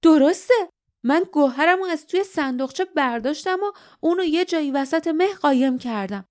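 A woman's voice: high-pitched, animated, voice pushed up. A woman voicing a scheming, greedy male guardian who mocks and snaps at his rivals in an audiobook. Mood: scornful. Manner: mocking, snapping retorts.

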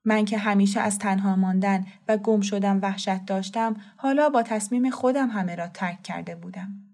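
A woman reads a story aloud in a calm, measured, soft voice. Her narration is steady and unhurried, in a middle pitch. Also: vocal fry. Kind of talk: scripted audiobook narration.

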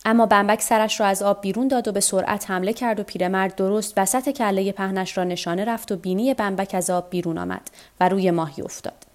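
Calm woman reading a story aloud. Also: medium pitch. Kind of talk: scripted narration of a translated novel.

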